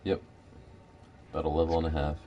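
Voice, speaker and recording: A laid-back man talks casually while gaming, his voice sitting very low. He reads out item stats in an easy way, and a faint hiss runs under the recording. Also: completely flat delivery, brisk, mellow, lo-fi sound. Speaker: gamer. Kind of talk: casual gameplay chat.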